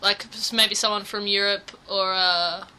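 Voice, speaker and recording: A woman's voice: mid-range voice, fairly even intonation, measured pace, pushed and bright, a little hiss or hum, rough recording. A young woman from Australia, an international student, chatting casually in an interview.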